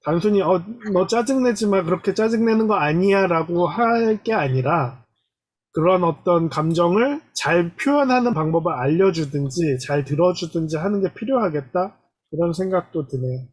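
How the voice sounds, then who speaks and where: Casting: calm, measured dad on a panel, husky voice pitched high. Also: male voice. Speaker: panelist father. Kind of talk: casual parenting talk.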